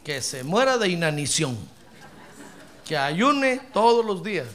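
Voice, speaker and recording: A man preaching a sermon as a pastor, folksy and animated, leading his congregation in call-and-response and acting out conversations. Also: on the high side.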